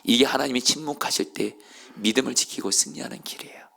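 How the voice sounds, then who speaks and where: A male pastor delivers a sermon in a church service, with a gravelly edge in his voice and a bright, pointed tone. He tells the story in close, hushed near-whispers, then builds to loud, fervent calls to the congregation. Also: medium pitch, fast talker. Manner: storytelling, addresses the congregation directly. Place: church, Friday evening service.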